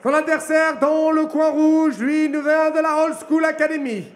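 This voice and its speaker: A man's voice: extremely high pitch, steady tone, moderate pace. A man making formal fight introductions as ring announcer, projecting and stretching out names and calls.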